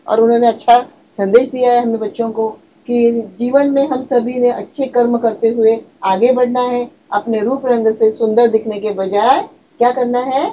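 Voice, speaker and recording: A woman's voice: on the high side, fairly even intonation, warm tone, muffled recording. A woman teaching an online language class, patiently explaining and repeating key words, often asking a question and answering it herself. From Maharashtra, India. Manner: chants meter and recites verse lines slowly. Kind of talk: online Hindi class lecture.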